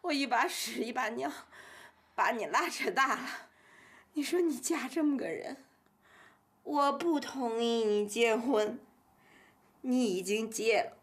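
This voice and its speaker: A woman's voice: a little high, unhurried, pauses often, natural voice. An actress playing a domineering middle-aged mother with a Beijing accent, scolding her daughter through tears in a TV drama. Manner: scolding, tearful outbursts. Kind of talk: TV drama acting.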